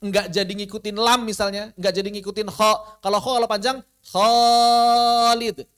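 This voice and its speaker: A Quran recitation teacher giving an online tajwid lesson, asking rhetorical questions, answering them, and slowly sounding out Arabic letters as examples. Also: medium pitch, fairly even intonation, pushed and bright. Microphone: online class recording.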